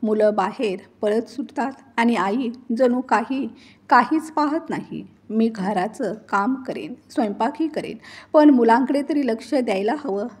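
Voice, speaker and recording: Woman reading as a feverish young wife, weary and pleading, breathy. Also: a little high, a little slow.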